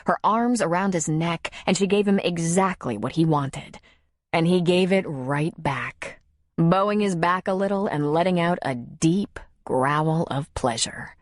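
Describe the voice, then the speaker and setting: A woman narrating a romance audiobook in a measured, even reading. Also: on the low side, dry recording, studio quality. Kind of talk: scripted narration.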